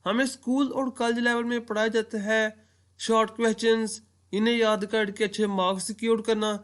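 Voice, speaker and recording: A man's voice: sits high, level tone, normal speed, smooth. A man from Pakistan giving an explanatory lecture on entry tests, walking through worked examples step by step. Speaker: entry test teacher.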